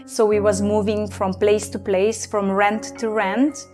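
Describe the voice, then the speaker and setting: A young woman from Transylvania with a Hungarian-Romanian accent, giving a personal testimony in English with many pauses and fillers. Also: medium pitch, flat delivery, a little mellow, soft background music. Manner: halting, many fillers and restarts. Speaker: guest.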